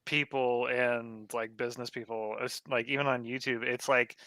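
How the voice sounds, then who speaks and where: Man with a very bright, rambling delivery. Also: medium pitch, level tone, normal speed, no echo. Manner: rambling, restarting, earnest. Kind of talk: casual banter.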